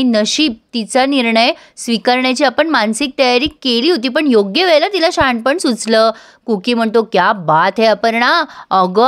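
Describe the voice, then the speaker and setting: A woman retelling a TV serial episode to viewers, quoting each character's lines in turn. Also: fairly high pitch. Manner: addresses viewers directly, brisk storytelling. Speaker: serial recap narrator.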